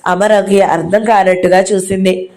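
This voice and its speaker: A woman reading a novel aloud as narrator, with a steady storytelling delivery. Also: mid-range voice, normal speed.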